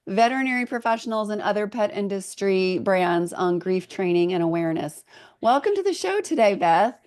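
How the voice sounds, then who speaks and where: A woman hosts a casual podcast interview, her talk emotional and choked up. Her voice sits at an ordinary middle pitch. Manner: warm, emotional, gets choked up. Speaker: podcast host. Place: farm.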